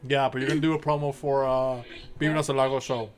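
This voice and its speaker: A woman's voice: rumbling low, little pitch movement, fast talker, a crowd in the background. A woman co-hosting a casual comedy talk show, teasing and laughing often, putting on joke voices. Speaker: podcast co-host.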